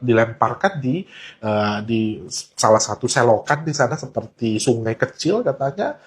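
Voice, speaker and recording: A man telling a warning story to his viewers in an urgent, emphatic way, mixing casual slang into his talk. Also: medium pitch. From Indonesia. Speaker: online talk host. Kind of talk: earnest warning monologue.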